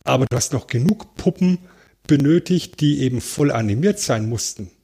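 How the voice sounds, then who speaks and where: A man co-hosting a casual film podcast, explaining things in a joking, measured way. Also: medium pitch, lively intonation, vocal fry, warm tone, slightly rough. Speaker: podcast co-host.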